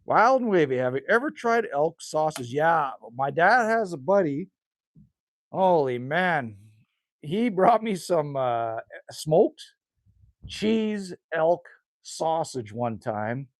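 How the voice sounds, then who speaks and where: Speaking slowly in a fairly high, sing-song voice, this man in his 50s chats loosely with his livestream viewers from beside a rural cabin, reading their messages aloud. Sound is clean, studio-grade, and echo-free.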